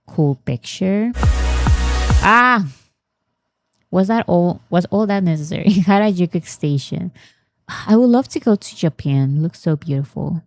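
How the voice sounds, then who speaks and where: Low-voiced woman reacting casually. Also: lively intonation, normal speed, mellow, faint music behind. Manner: chatty, thinks aloud, reads chat comments and answers them. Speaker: reaction channel host.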